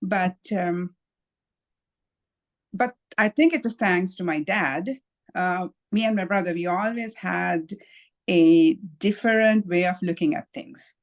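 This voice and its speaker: A woman from Sri Lanka, a guest author in a podcast interview, who tells her story in a thoughtful, measured way with pauses and light laughs. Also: fairly low pitch.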